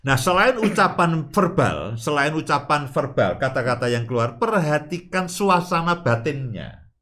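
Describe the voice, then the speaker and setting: A man's voice: on the high side, big pitch swings, a little slow, sharp tone. A man hosting a family-life talk show, giving advice in an emphatic way and repeating his key phrases. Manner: acts out quoted speech with laughs. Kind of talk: advice talk to a live audience.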